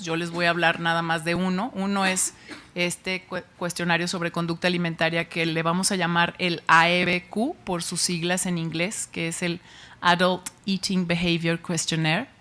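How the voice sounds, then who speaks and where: A woman's voice: fairly low pitch, fairly bright tone. Chatty Mexican woman giving a talk. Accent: Mexican Spanish. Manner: chatty, with frequent fillers and restarts. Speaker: researcher giving a public science talk. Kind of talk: informal public lecture.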